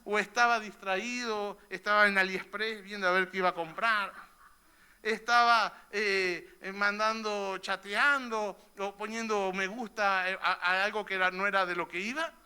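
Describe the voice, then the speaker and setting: Male pastor, very high, sharp, bright voice; chatty sermon full of "eh?" tags. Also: fairly even intonation, a little slow, clean tone. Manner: conversational preaching, frequent "¿eh?" tags. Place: church hall.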